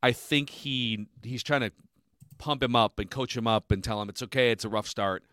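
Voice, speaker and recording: A man co-hosting a sports podcast in casual chat, animated and joking, quoting stats. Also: mid-range voice, normal speed, clear, resonant tone, dry recording, studio quality.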